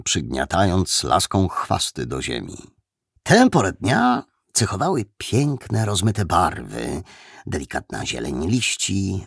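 Low, gravelly male audiobook narrator. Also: dry recording, studio quality. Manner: expressive reading, voicing characters.

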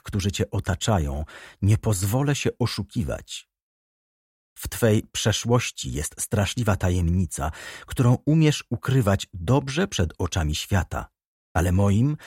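A man reading the part of a stern former journalist turned prosecutor in an audiobook, measured and quietly accusing. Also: fairly low pitch, sing-song, husky, no room sound, studio quality, heavily acted. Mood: menacing.

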